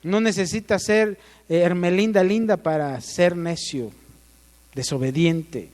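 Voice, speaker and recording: Mexican guy preaching, high voice, keeps asking the crowd stuff, big reverb. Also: a little slow, darkish tone. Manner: asks the congregation questions and calls for amens. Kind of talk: sermon.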